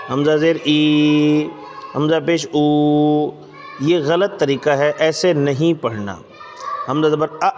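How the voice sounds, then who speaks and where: A man teaching Quran recitation, explaining the vowel signs and then chanting syllables slowly for students to repeat. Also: mid-range voice, darkish tone. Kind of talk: slow, drilled recitation lesson. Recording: long hall reverb, faint background noise.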